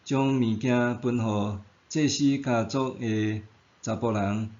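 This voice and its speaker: A slightly dull, lo-fi recording of a man narrating a scripted devotional. He has a Taiwanese Hokkien accent and a middle-pitched voice. His delivery is very slow, formal and measured. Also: steady tone, darkish tone.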